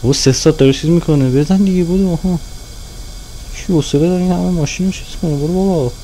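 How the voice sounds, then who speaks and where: A man's voice: on the high side, warm tone, a little hiss or hum, poor audio. A young man giving casual, playful commentary while playing a car-washing game, talking to himself as he goes. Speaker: gaming YouTuber.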